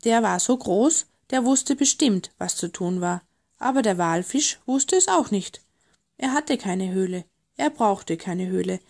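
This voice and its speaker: Slow, gentle woman reading a children's story. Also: medium pitch, expressive, creaky. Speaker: audiobook narrator.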